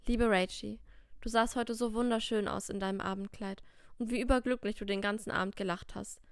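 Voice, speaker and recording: A shy, tidy young man from a storybook, read by a woman in her own voice. The tone is smooth and clear, recorded dry and close with no room sound. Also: mid-range voice, steady tone, brisk, no room sound, close to an everyday voice. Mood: tender. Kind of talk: reading dialogue in a storybook.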